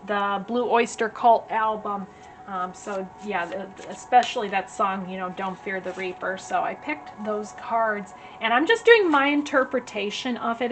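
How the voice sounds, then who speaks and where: A woman giving a casual tarot reading, chatty and rambling with many fillers, her voice slightly hoarse as she is losing it. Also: on the high side, fairly bright tone, slight background noise. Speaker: tarot reader. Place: at home.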